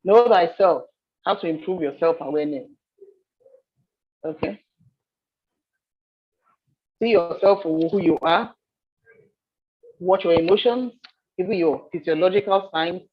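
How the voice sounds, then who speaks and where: A woman from Nigeria leading a soft skills training session, telling stories with animated repetition. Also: fairly low pitch, unhurried, long pauses, husky, muffled recording. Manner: animated storyteller, repeats phrases. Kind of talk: training seminar talk.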